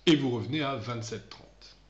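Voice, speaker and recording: A man teaching English to pupils in a recorded lesson. He reads English passages slowly and clearly, then explains them in relaxed French, speaking directly to his pupils and often trailing off softly. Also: mid-range voice, echoey room, lo-fi sound. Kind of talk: recorded video lesson, commented reading.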